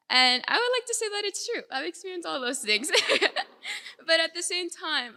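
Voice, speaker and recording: Speaking in a big indoor hall before an audience, this nursing student delivers a casual, personal talk peppered with "like." Her voice is a little high with a sharp edge, and she's a young adult who was born in El Salvador and moved to Houston at seven. Long reverb from the hall makes the recording echoey.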